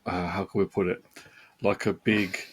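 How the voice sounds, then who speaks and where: A man's voice: sits low, little pitch movement, moderate pace, husky. A man co-hosting a casual music podcast, speaking hesitantly and searching for words with many restarts. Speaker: podcast co-host.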